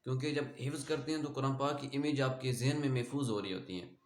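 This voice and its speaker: In an online Quran class, a man with a mid-range voice and Pakistani Urdu accent recites slowly for his students to repeat, patiently going over pronunciation. The recording is reverberant.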